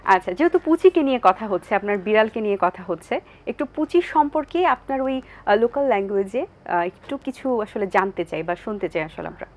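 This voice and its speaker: A woman hosting a television talk show who asks her guests questions politely, pausing on drawn-out hesitations. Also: mid-range voice, animated. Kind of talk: TV interview questions.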